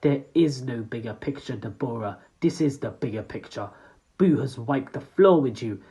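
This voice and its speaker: A man's voice: medium pitch, lively intonation, normal speed, warm tone, voice pushed down, natural voice. Man voicing a scornful little male villain wizard, sneering and gloating.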